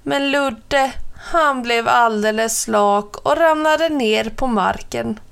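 A woman narrating a children's story in a gentle, expressive way. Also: a little high, gravelly, clear, resonant tone.

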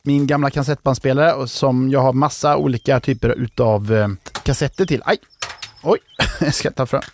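A man's voice: medium pitch, fairly even intonation, a little hiss or hum. A man hosting a children's podcast, telling jokes and reading out riddles in a playful way, stretching out the questions. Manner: jokey, drawn-out riddle reading.

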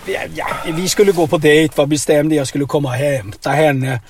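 A man with a somewhat high, husky voice tells absurd stories in a rambling, deadpan way. He keeps checking in with a quick questioning tag. He talks from inside a car. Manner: rambling, tags lines with "va?". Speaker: comedic storyteller. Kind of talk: deadpan absurd comedy chat.

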